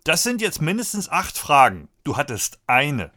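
A man's voice: on the high side, sing-song, moderate pace, pushed and bright. A man voicing a dry, wry older relative.

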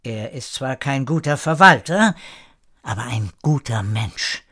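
A man reading an audiobook, voicing an earnest, warm-hearted woman who owns an estate and speaks with urgency. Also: mid-range voice, lively intonation, measured pace. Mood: urgent. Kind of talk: audiobook character voice.

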